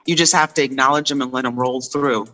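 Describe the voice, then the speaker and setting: A man with a bright, clear-cut voice talks someone through things like a friendly coach. He is reassuring and informal, landing on short emphatic phrases. Faint music plays behind him. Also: mid-range voice, fairly even intonation, quick pace. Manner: encouraging, reassuring. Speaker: meditation and wellness guest. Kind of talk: conversational explaining and coaching.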